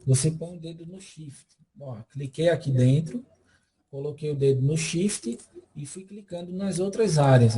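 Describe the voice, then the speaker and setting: A man giving a screen-recorded software lesson, explaining step by step and checking in often with his viewers. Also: fairly high pitch, low-quality recording. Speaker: software instructor.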